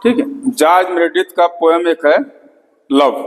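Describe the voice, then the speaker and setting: Lecturer in a reverberant classroom. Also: male voice, a little high, steady tone, a little slow. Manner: repeats key terms, frequent "theek hai" checks. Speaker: English literature lecturer. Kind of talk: classroom lecture mixing Hindi and English. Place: classroom with board.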